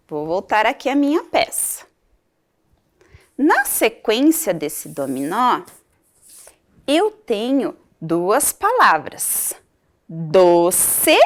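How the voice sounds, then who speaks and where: A woman teacher with a Brazilian Portuguese accent giving a recorded video lesson to young children, stretching out words and syllables slowly. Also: medium pitch. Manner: slow, sing-song, spells out syllables.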